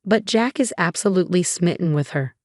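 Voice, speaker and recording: A woman's voice: fairly low pitch, brisk, no echo, studio quality. Woman doing a fond, easygoing middle-aged dad. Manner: fond, relaxed explaining.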